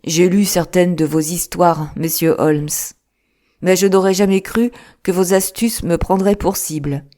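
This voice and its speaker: A brisk, touchy male lawyer, as a woman reader puts him on in an audiobook. He talks plainly and to the point, in a low, mellow voice. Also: natural voice. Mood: businesslike. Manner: plain, businesslike, quickly irritated. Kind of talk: audiobook character reading.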